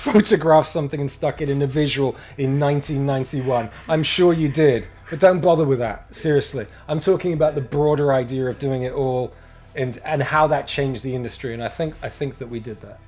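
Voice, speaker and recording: A middle-aged man from the United States chats casually as a podcast guest in a rambling interview, restarting often and swearing bluntly at times. His voice is medium-pitched, slightly mellow and fairly quick.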